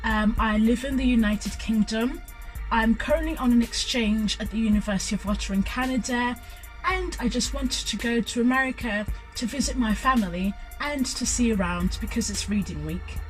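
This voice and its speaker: A woman's voice: a little high, moderate pace, faint music behind, low-quality recording. A young woman from Zimbabwe, telling stories in an enthusiastic, gushing vlog chat full of fillers. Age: young adult. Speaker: student vlogger. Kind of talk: casual vlog storytelling.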